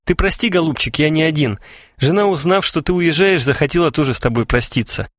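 A man's voice: a little high, brisk, no echo, clean studio sound, pitched above the performer's own voice, natural voice. A man voicing a sensible, blunt husband who is slightly embarrassed by his wife. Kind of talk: audiobook character voice.

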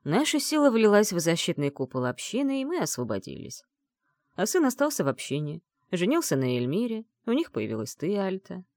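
A loving old grandfather tells a painful family story with quiet sorrow, voiced by a woman reading an audiobook. The delivery is low yet swings widely in pitch. The sound is close and dry, with no room around it. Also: very animated, brisk, dry recording. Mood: sad, tender.

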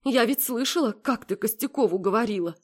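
A woman voicing a tearful middle-aged mother who pleads with her daughter in a high, anxious voice. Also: lively intonation, fairly quick, a little mellow, husky. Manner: high, pleading, close to tears.

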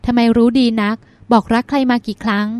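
A woman reading the lines of a calm, wise older sister who soothes and gives advice. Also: fairly high pitch, brisk, smooth, no echo, natural voice. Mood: gentle. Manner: soothing, advising, gently teasing. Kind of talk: audiobook character reading.

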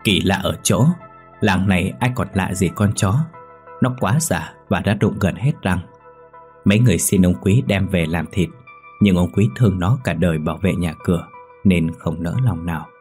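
Deep-voiced male horror storyteller. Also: moderate pace, darkish tone. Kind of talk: scripted horror story narration. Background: faint music.

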